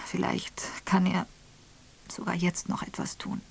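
A woman reader voicing a distraught young husband who shouts high and strained. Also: monotone, measured pace, gravelly, whispered. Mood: dejected.

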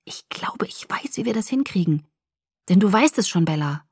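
A woman voicing a hoarse, hot-tempered young man in an audiobook, torn by a secret he cannot share, pleading in an urgent half-whisper. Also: on the low side, moderate pace, darkish tone, dry recording, clean studio sound. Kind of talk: audiobook character voice.

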